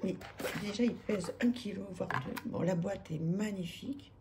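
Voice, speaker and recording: A woman's voice: medium pitch, moderate pace, heavy background noise. A woman, chatting to camera about her tarot decks, hesitant with many fillers and restarts, enthusiastic. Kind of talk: casual chat to camera. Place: home room with street noise outside.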